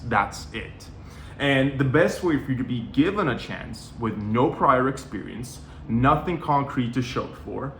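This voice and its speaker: A man's voice: mid-range voice, fairly bright tone, a little hiss or hum. Young man, conversational advice. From Norway. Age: 20s. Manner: conversational, with frequent "you know" and "like". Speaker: sales coach. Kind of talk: casual talking-head advice. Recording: roomy echo.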